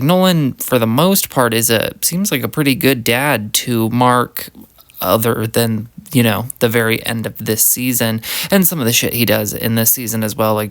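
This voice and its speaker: Male reviewer, casual and gushing, lots of "like", average pitch, dead-dry recording. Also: fairly bright tone, clean tone, no room sound. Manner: enthusiastic, rambling, heavy use of "like".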